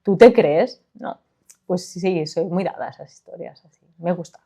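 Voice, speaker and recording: A woman from Spain with a Spanish accent, the author of the story, chats about it expressively and then reads it into a studio mic. Her voice is fairly low with a breathy edge, at a normal speed. She's lively and gestures as she talks.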